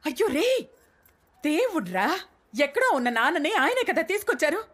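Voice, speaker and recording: A woman's voice: very high-pitched, sing-song, moderate pace, a bit bright, exaggerated voice. An actress playing a doting mother who fusses, scolds and chatters over her son. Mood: fussy. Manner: fussy, scolding and doting, talks over others.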